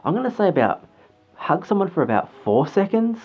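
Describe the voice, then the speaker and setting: A man's voice: high-pitched, big pitch swings, fairly quick. A man speaking from inside a costume head, muffled, giving casual advice in a rambling way and laughing often. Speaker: fursuiter vlogger.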